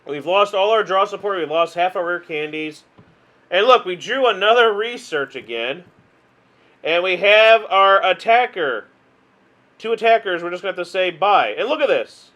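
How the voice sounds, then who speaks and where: High-voiced man narrating a card game. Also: bright, forceful tone. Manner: chatty, exasperated, self-mocking; hums and sighs, laughs at himself. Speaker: gaming video host. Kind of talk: casual card game commentary.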